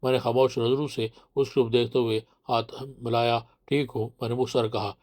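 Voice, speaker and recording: A man narrating a horror novel in a steady, measured reading voice. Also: medium pitch.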